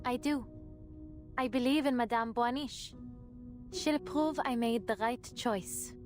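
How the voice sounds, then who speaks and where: A woman's voice: fairly high pitch, slow pace, music in the background. An actress playing a stubborn, defiant young woman in a game, curt and sardonic in her delivery. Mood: curt resolve.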